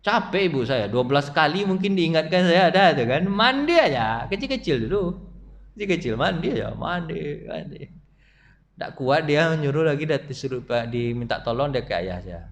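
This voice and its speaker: A middle-aged man gives a mosque sermon in a high voice. His pitch leaps up and down as he tells stories. He keeps turning to the listeners with questions. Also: normal speed, a little hiss or hum. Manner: animated storytelling, asks the audience questions. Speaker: preacher.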